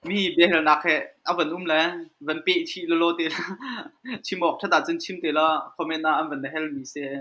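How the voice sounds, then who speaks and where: A man with a bright, pressing voice pitched slightly above the usual joins a panel discussion. He talks in an animated way.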